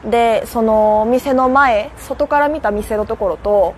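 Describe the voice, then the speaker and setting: Young korean woman live on a phone mic, kansai-tinged accent, highish voice, faint street noise. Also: takes it slowly. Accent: Korean, with a Kansai lilt. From South Korea. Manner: chatty, answering viewer comments. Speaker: livestream host. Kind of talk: casual live walking stream. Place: outdoor rooftop in a city.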